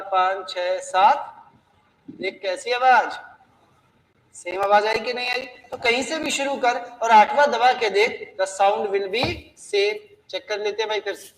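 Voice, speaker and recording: A high-voiced man gives a playful chemistry lecture, constantly asking his students questions. The classroom has a long, ringing reverb.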